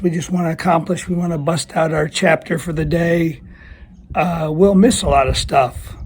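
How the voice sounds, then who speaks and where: A man giving a casual devotional talk in a thin, squeaky, strained voice, as if under the weather, with a folksy, self-deprecating manner. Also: gravelly, darkish tone, husky. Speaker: church small-group leader giving a video teaching.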